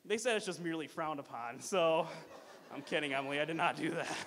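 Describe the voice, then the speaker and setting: A man giving a rambling, informal and joking best man speech at a wedding, halting along with false starts and repeated fillers. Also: on the high side, fairly bright tone, slight background noise. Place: reverberant hall at a wedding reception. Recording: long hall reverb.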